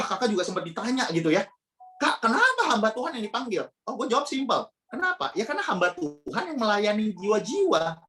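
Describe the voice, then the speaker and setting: A man's voice: very high voice, pushed and bright. A man preaching a casual youth sermon, firing slangy rhetorical questions at his listeners.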